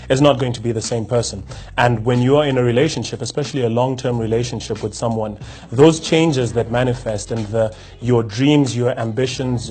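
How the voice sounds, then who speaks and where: A male host gives a casual motivational talk to camera, reflecting aloud with frequent restarts and rhetorical questions. His voice is medium in pitch with a darkish tone.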